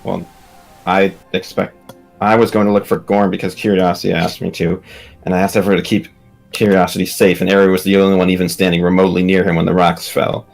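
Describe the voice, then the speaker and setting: A man talking in character during a tabletop game, earnest and halting, with frequent restarts. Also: low-pitched, flat delivery, gravelly, faint music behind. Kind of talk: in-character role-play discussion.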